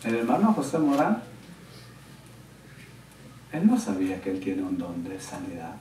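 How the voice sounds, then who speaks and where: A male pastor delivering a sermon, telling stories with lively, animated quotes of others. His voice sits at a middle pitch and carries the echo of a large room. He is heard from some distance off the mic, with faint ambient noise behind him. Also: measured pace. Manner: animated storyteller, quoting others with raised excited voice. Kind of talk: sermon with storytelling. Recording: roomy church sound, from a distance.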